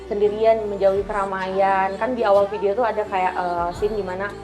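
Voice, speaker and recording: A nineteen-year-old woman singer talks through her new release in a casual TV interview. She sounds friendly and earnest and explains things at length. Music plays clearly in the background. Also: medium pitch, little pitch movement, normal speed. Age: teens. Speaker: singer, guest.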